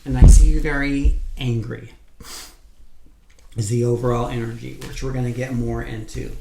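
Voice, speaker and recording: A tarot reader does a casual pick-a-card reading in an echoey room with faint background noise. His mid-range voice is creaky, with fairly even intonation and normal speed, and he's blunt and profane, repeating points again and again for emphasis.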